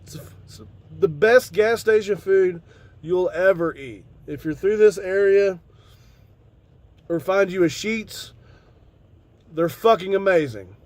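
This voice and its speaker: A man's voice: high voice, takes it slowly, long pauses, dry recording. An American man who sounds stoned, chatting in a laid-back, rambling stoner manner to his viewers with casual swearing. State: stoned on cannabis. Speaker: video host. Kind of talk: casual rambling vlog chat.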